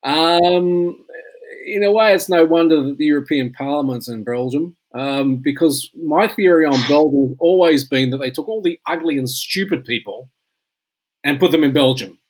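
Australian man, middle-aged, tired, rambling anecdotes, slightly high voice, casual chat. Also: moderate pace, darkish tone, low-quality recording. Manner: rambling storyteller, laughs at his own jokes.

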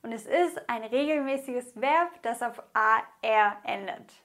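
A woman's voice: on the high side, expressive, measured pace, a bit bright. A woman teaching a grammar lesson in a patient, encouraging way, spelling things out and repeating. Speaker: language teacher.

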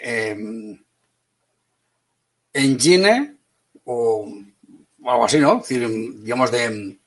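A Spanish-accented man from Spain teaches an online class in a brisk, teasing manner, calling on students by name. His voice is mid-range with a fairly bright tone.

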